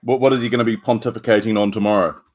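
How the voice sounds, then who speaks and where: A man's voice: fairly low pitch, steady tone, rapid-fire, crowd noise. A man co-hosts a political stream with wry, teasing banter. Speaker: co-host.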